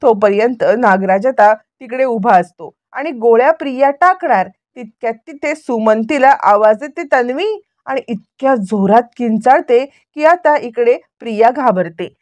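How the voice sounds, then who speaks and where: A woman's voice: fairly high pitch, normal speed, hardly any pauses, no room sound. Woman narrating a serial recap. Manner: lively, running narration. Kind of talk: storytelling recap.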